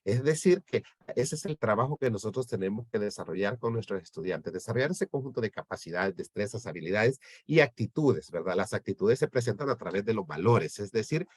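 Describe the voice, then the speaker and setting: In clean studio audio with no room sound, a teacher trainer explains lesson planning to teachers, frequently checking in with a "¿verdad?". His lowish, slightly rough voice is brisk with lively intonation.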